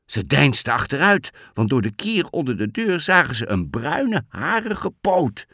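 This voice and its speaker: A man reading a children's fairy tale aloud as a storyteller, expressive and playful. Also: medium pitch, unhurried, no echo, studio quality. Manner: expressive, lively read-aloud.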